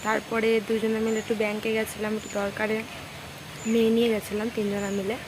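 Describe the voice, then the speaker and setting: A homemaker chats easily through her daily chores, keeping her voice low and hushed. Her pitch sits in a middling range, with no strain or drama. There is a faint hum of outdoor noise behind her. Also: monotone, fast talker. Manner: talks softly in a hushed voice. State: hot and sweaty. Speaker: lifestyle vlogger and homemaker. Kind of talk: casual chatty vlog narration. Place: rented village home, indoors and outdoors.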